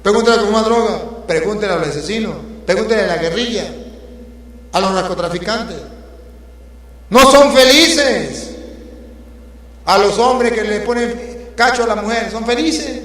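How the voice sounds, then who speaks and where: Priest preaching in an echoey hall. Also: male voice, high-pitched, moderate pace, pauses often, a bit bright. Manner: emphatic preaching with rhetorical questions and dramatic poem recital. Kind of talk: sermon. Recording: very echoey hall with faint hum.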